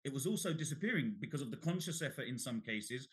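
A guest author from Bangladesh, middle-aged and male, relates his story animatedly during an interview, repeatedly restarting and doubling up on words. He talks fast, with a mid-range voice.

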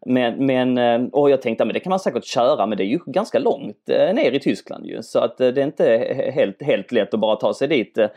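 A man's voice: medium pitch, animated, hardly any pauses, warm tone. A man from southern Sweden, chatting casually as host of a football podcast, rambling with many fillers.

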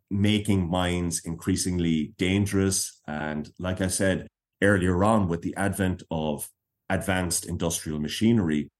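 A man speaking as a guest historian in an interview, telling a story in measured, short phrases. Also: deep voice. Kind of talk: explanatory interview talk.

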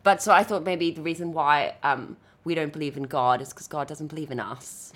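A woman co-hosting a podcast in casual chat, teasing with a deadpan joking manner. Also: sits low, a little fast. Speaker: podcast co-host.

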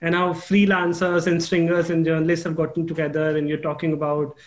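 A man's voice: fairly high pitch, monotone, a little fast. A man with an Indian accent asking questions in a conversational interviewing style.

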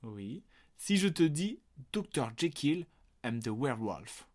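A man hosts a casual movie quiz podcast, speaking slowly in a mid-range voice. He teases and jokes with his co-host, his tone swinging lively in a playful chat.

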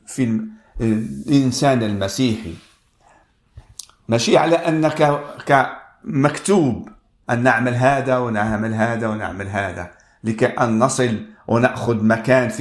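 A man with a Moroccan Arabic accent giving a radio sermon and reading scripture slowly, with hesitant restarts. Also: medium pitch, roomy sound. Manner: slow, measured reading with frequent hesitant restarts. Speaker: radio preacher.

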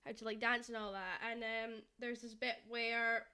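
A woman co-hosting a podcast in casual chat, animated and laughing often as she retells scenes. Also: fairly high pitch, moderate pace, smooth. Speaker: podcast co-host.

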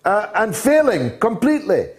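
A man's voice: high-pitched, huge pitch swings, normal speed. A man hosting a radio phone-in, blunt and emphatic, trading quips with callers. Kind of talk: opinionated talk radio.

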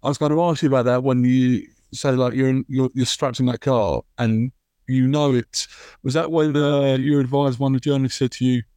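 Relaxed male podcast host. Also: mid-range voice, fairly quick, clear, resonant tone, no room sound. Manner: relaxed questioner with short agreeing replies. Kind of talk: casual interview chat.

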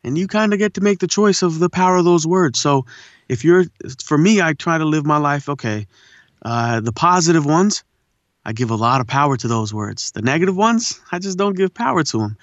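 Laid-back voice actor musing in conversation. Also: male voice, fairly high pitch, a little fast, no room sound, dull audio. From born in India, raised in Southern California. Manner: relaxed, reflective, says "man" often. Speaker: guest, voice actor and poet. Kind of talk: casual interview conversation.

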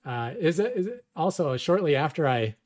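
A man's voice: a little high, very animated, moderate pace, darkish tone. A man in his thirties casually telling a personal story, wry and self-deprecating, laughing often. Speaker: storyteller guest.

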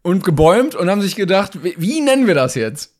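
A man's voice: high voice, big pitch swings, fairly quick. A man co-hosting a podcast, chatting casually with playful, jokey banter. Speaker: podcast co-host. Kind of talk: casual chat.

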